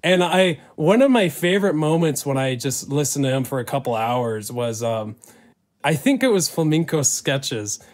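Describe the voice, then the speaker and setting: A man's voice: mid-range voice, animated, moderate pace. A man hosting a casual podcast chat who talks in a rambling, emphatic way, with lots of fillers and the odd swear word. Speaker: podcast host.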